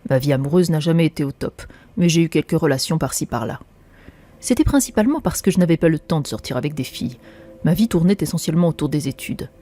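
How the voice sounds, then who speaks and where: A woman's voice: sits low, expressive, quick pace, dark tone. A woman narrating a first-person story in a plain, conversational way.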